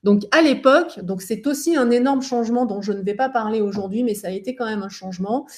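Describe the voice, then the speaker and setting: A woman's voice: on the high side, quick pace. Chatty woman in her forties presenting. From southern France. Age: 40s. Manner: chatty, frequent hesitations, anecdotal asides. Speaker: former athlete giving a webinar talk. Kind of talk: conversational webinar presentation.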